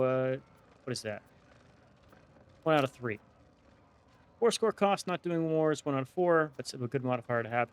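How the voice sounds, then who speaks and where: A man with a slight lisp from wearing a dental retainer, giving casual let's play commentary as he thinks aloud and weighs options one by one. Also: on the high side. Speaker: gaming video host.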